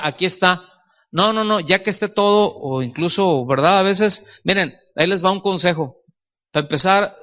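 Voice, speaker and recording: A Mexican man preaching a sermon, his voice on the higher side and bright and forceful. He talks to the congregation like a conversation, keeps checking that they follow, and slips into sarcastic acted-out exchanges. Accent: Mexican Spanish. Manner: conversational preaching, asks the congregation questions, acts out dialogue; sarcastic at times. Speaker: pastor.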